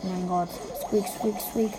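A woman's voice: medium pitch, steady tone, measured pace, a crowd in the background. Offhand young woman playing along. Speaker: gaming partner. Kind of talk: casual chat while gaming.

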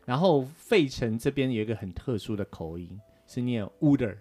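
A man's voice: mid-range voice, lively intonation, normal speed, a little mellow, soft background music. A man from Taiwan, co-hosting a casual talk show and explaining things with lots of fillers. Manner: chatty, explains with many fillers. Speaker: co-host. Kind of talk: casual radio chat.

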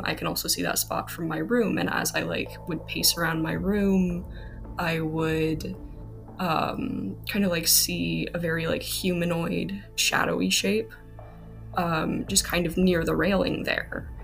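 A woman's voice: on the low side, little pitch movement, unhurried, creaky, soft background music. A woman guest on a podcast, telling her story casually and hesitantly, with many fillers.

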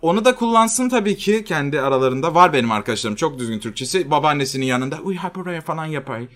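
A young man co-hosting a casual podcast, giving chatty advice with quick asides. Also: fairly high pitch, expressive, fairly bright tone. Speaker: podcast co-host.

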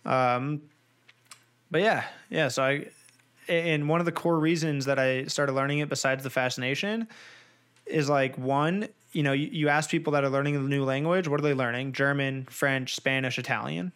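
A man's voice: mid-range voice, steady tone, normal speed, fairly bright tone, clean tone. A young man in his twenties chatting casually on a podcast, rambling with lots of fillers and jokes. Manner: rambling, filler-heavy, jokey.

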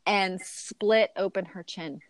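A woman's voice: mid-range voice, slow, no room sound. A woman in her forties, a mother telling a chaotic family story as an interview guest, laughing often and acting out her own quotes.

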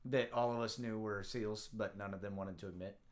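A man's voice: lowish voice, fairly even intonation, fairly quick. A man casually telling a rowdy story from his Navy days, swearing freely and acting out the dialogue.

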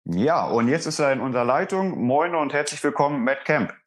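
Relaxed male podcast host. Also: medium pitch, fairly quick. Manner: relaxed, chatty, frequent fillers. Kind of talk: casual interview chat.

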